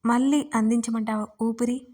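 A woman's voice: fairly high pitch, fairly even intonation, moderate pace, dark tone, lightly acted. A woman voicing a playful young man who teases his girlfriend, in a read-aloud romance story. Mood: teasing. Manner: teasing, laughing.

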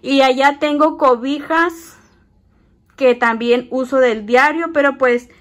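A woman's voice: sits high, slow pace. Chatty woman giving a home tour. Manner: chatty, addresses viewers as friends, walking while filming. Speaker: vlogger. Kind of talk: casual house tour vlog. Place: small home indoors. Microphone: phone held in hand.

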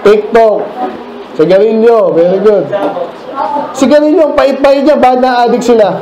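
High-voiced Filipino pastor, echoey church room. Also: male voice, normal speed, a crowd in the background. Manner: conversational, asks the congregation questions. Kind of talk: midweek Bible study sermon.

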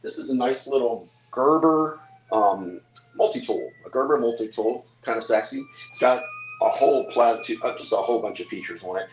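An older man calls out bids and talks up each item in a friendly, chatty salesman patter. His mid-pitched voice rings in an echoey indoor room. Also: animated, brisk, slight background noise. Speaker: auctioneer. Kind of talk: live-stream auction pitch. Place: hotel room or lounge, indoors.

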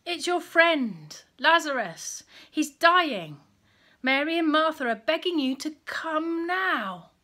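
A woman's voice: high voice, sing-song, slow pace, bright, forceful tone, voice pushed up, exaggerated voice. A woman voicing a breathless, frantic male messenger in a children's storybook reading, pleading in a raised voice. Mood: urgent pleading.

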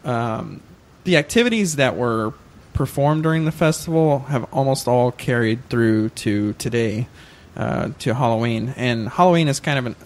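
A man of middle pitch on a casual podcast, recounting research he did. He talks hesitantly, with frequent fillers, and keeps stopping to correct himself. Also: lively intonation, normal speed, few pauses. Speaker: podcast co-host.

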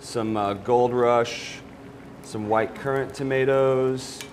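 A man's voice: mid-range voice, fairly even intonation, takes it slowly, slight background noise. A man in his forties, a guest chef on a TV studio kitchen set, talking in an easygoing way and often repeating words as he cooks. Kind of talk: live TV cooking demo.

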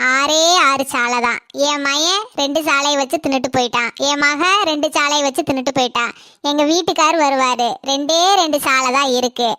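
A woman's voice: high-pitched, sharp tone. A woman voicing a gossipy, stingy middle-aged housewife in a cartoon, with a Kanyakumari Tamil accent and a tart, chatty manner. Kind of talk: cartoon comedy dialogue.

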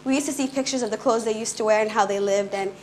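A young woman with a slightly high voice speaks earnestly and fast at a small indoor event. Her talk is fluent with occasional brief restarts, picked up from a few steps away. Faint room noise sits behind her. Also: darkish tone, rough recording. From Canada. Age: young adult. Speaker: conference speaker. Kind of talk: prepared public talk.

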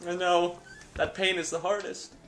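A man's voice: sits high, little pitch movement, moderate pace, a bit bright, soft background music. A young man giving casual, joking commentary while playing a video game, teasing his co-host. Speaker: let's play co-host.

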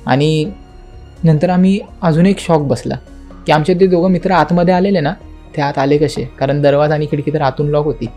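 A man's voice: fairly high pitch, steady tone, normal speed, warm tone, faint music behind. A young man, a podcast guest, telling a spooky story in casual talk, acting out the quotes and the knocking, with English words mixed into his speech. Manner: dramatic retelling, acting out quotes and knocking sounds.

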